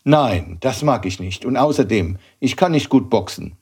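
A man's voice: mid-range voice, expressive, normal speed, vocal fry, breathy edge, full character voice. A man doing a shy, earnest schoolboy. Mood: timid. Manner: quiet, earnest, hesitant. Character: shy timid young schoolboy. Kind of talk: audiobook reading.

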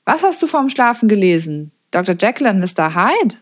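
A woman reading an audiobook, voicing a calm father who speaks quietly and teases gently. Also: medium pitch, moderate pace. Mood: teasing. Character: calm, dryly joking adult father.

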